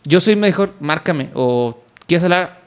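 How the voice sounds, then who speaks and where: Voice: medium pitch, animated, slow pace, noisy background. A speaker in a casual chat, talking hesitantly with many restarts.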